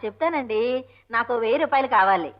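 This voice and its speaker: A quick, high-voiced young wife, played by a woman coaxes sweetly and innocently in an old film comedy. The sound is dull and lo-fi. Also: expressive, natural voice. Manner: innocent, coaxing, mishears things. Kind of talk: 1980s film comedy dialogue.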